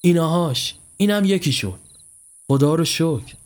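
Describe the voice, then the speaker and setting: A man's voice: fairly high pitch, lively intonation, darkish tone, voice pushed up, lightly acted. A man voicing a panicky young male office clerk in a horror audio story, talking in an urgent, raised voice. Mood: relieved.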